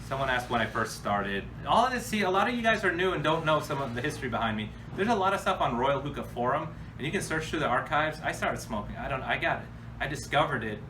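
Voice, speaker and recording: Talking fast and animatedly in a medium pitch, this US host runs a casual question-and-answer chat for viewers. He keeps it blunt, slangy, and unscripted. The recording has a distant mic and distinct background noise.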